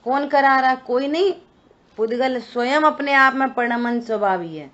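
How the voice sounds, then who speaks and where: A woman's voice: high voice, normal speed, a bit bright. A woman teaching a scripture study session, explaining points and answering her own questions. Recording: dull lo-fi recording.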